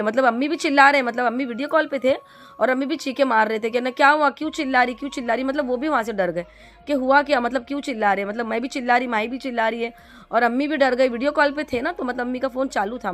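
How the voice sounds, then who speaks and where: Chatty middle-aged woman, somewhat high voice. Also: fast talker. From India. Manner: chatty, rambling, many fillers and restarts. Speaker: vlogger. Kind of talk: casual storytelling to viewers.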